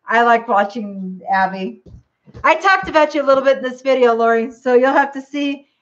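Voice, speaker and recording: A woman's voice: a little high, normal speed, muffled recording. A grandmother hosting a cooking livestream from her home kitchen, chatting casually and speaking straight to her viewers.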